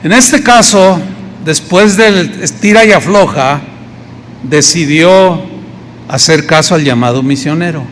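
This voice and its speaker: A man's voice: a little high, measured pace, fairly bright tone. A man with a Mexican accent preaching a conversational sermon as pastor, acting out the people he quotes. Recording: long hall reverb, faint noise.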